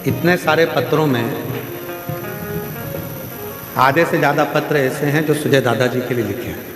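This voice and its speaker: A man giving a live religious sermon to a large gathering, telling a sacred story with an emphatic, rising and falling cadence and speaking straight to the crowd. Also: a little slow. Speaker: devotional storyteller preacher. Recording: booming hall reverb, faint music.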